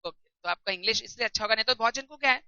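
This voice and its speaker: A man lectures a class in a chatty, questioning way. His voice is very bright and sharp. The sound is dry and dull, like a lo-fi recording. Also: high voice, racing, smooth, dry recording. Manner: conversational, asks the class questions. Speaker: teacher.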